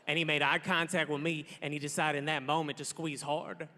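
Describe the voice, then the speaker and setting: A man's voice: a little high, level tone, a little fast, sharp tone, in a large hall, slight background noise. A man in his thirties doing a stand-up set, talking bluntly in a loose, irritated, conversational way. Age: 30s. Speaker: stand-up comedian. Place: large theater stage.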